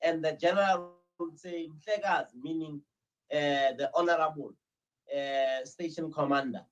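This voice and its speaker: South African man, interview guest, slightly high voice, hesitant "uh"-filled storyteller. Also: unhurried, muffled recording. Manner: hesitant, many "uh"s, steady storytelling. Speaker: interview guest, crime-prevention ambassador. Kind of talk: interview answers with anecdotes.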